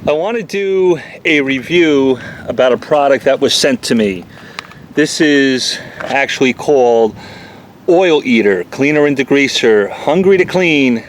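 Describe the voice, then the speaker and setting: A man with a New York accent talks quickly and candidly as he tests a degreaser for his viewers. He is outdoors, and a faint breeze and outdoor hum sit under the camera-mic sound. His voice is mid-pitched and casual. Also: expressive. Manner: talks fast, chatty and candid. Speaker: auto detailer reviewing products. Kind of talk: casual product review vlog. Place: outdoors on a windy day. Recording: faint wind and outdoor noise. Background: outdoor ambience and breeze.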